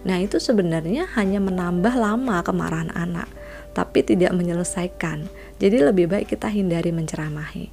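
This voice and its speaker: A woman child counselor giving a parenting lesson in a calm, gentle way, often dropping to a soft whisper. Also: fairly low pitch, brisk, gravelly, soft background music.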